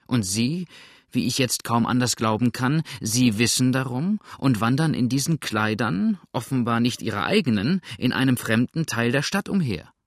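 A man voicing a serious young male boatman who speaks calmly and measuredly, turning cold and suspicious. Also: medium pitch, normal speed, no echo, clean studio sound. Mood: firm.

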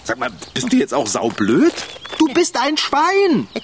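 A man playing an excitable, exasperated young male companion who scolds and yelps in an audio drama. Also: sits high, moderate pace, noisy background. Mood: incredulous.

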